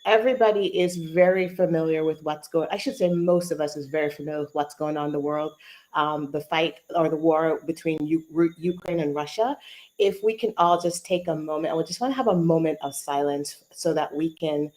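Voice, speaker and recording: Chatty woman hosting an online group call, lowish voice. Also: a little fast, darkish tone, low-quality recording. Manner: chatty, informal, addresses listeners as "you guys". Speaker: host of an online group chat session. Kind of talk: casual live-stream hosting, like a conference call host greeting people as they join.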